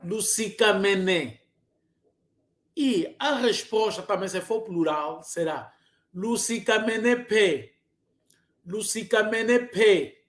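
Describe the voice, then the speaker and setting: A language teacher gives a spoken lesson, repeating each word slowly several times. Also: medium pitch. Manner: drills each word by slow repetition. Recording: roomy echo.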